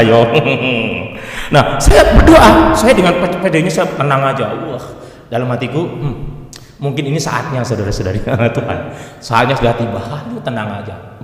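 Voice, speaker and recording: Lively joking priest in echoey church. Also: male voice, medium pitch. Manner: lively, joking, sings hymn lines. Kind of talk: sermon.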